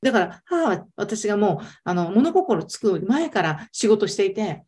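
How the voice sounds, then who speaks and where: A woman's voice: medium pitch, very animated, moderate pace, darkish tone. A woman, an interview guest telling her story in a casual, emphatic way.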